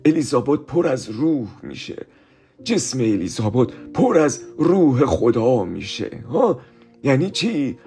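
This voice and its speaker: A man's voice: mid-range voice, warm tone. A man telling a Bible story to children, explaining each verse again in simple words and often turning to the children with asides.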